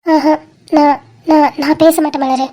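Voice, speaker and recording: A performer voicing a heartbroken, stubborn young woman in a cartoon, talking softly and hesitantly through tears. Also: high-pitched, flat delivery, measured pace. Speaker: animated series character. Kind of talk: dramatic cartoon dialogue.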